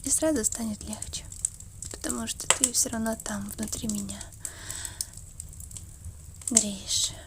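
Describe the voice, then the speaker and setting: A woman in an ASMR role-play as an affectionate, wistful girlfriend, murmuring slowly and intimately between a soft voice and a soft voice. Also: a little high, fairly even intonation, noisy background.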